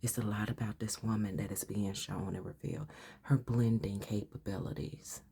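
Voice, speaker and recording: Husky deep-voiced woman reading tarot. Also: fairly even intonation, moderate pace. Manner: chatty, calls listener honey, drops often into soft whispers. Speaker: tarot reader. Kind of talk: casual spiritual tarot reading.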